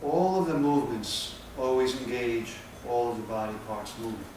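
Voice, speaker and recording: This tai chi teacher speaks in a medium-pitched, slightly mellow male voice, explaining plainly and patiently with pauses as he demonstrates. He's recorded from across an echoey room, distant, with background noise.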